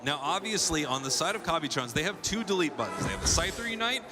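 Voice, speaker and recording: Male esports caster, fairly high voice, emphatic analytical commentary, loud music behind. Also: expressive, fast talker.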